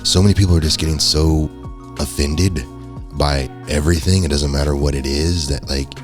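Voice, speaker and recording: A man's voice: a bass voice, steady tone, moderate pace, music in the background. A man hosting a casual podcast chat, rambling and hedging, his microphone clipping and distorted. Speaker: podcast host.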